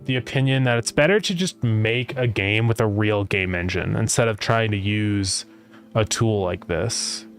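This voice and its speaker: A man chatting casually as a game developer livestreamer, rambling as he thinks aloud, his speech slightly slurred by retainers. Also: medium pitch. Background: music.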